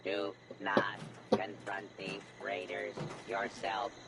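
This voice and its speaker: Monotone robot booting up in a game, robotic filter, lots of loud game noise behind. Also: male voice, on the low side, takes it slowly, gravelly, heavily acted. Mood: flat, robotic. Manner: monotone announcements of system status. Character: male security robot, flat and dutiful.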